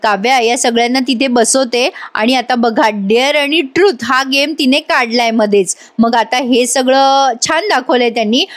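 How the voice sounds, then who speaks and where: A woman with a high voice narrates a casual voice-over recap. She speaks directly to her audience in a chatty, storytelling way and voices each character's lines as she retells the scenes. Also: normal speed, hardly any pauses. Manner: chatty, addresses viewers directly. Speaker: TV serial reviewer. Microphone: voice-over recorded at a mic.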